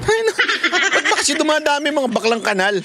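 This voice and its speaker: A man with a high voice talks through casual political commentary, his pitch leaping all over as he laughs and mocks. He keeps breaking into laughter between his points. Heavy noise sits under the recording the whole time. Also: fairly quick. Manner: laughing often, mocking and animated. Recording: loud background noise.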